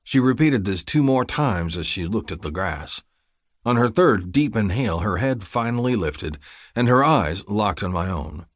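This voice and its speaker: A man reading a gritty first-person story aloud in a steady, plain-spoken way. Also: lowish voice, moderate pace, no room sound, clean studio sound. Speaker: audiobook narrator. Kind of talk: scripted first-person narration.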